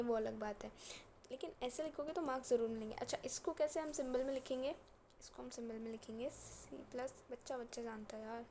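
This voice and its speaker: A woman science teacher gives a classroom lecture in a high, warm voice, keeping it casual while teasing and scolding. She repeats her points and mixes in terms. Slight background noise can be heard.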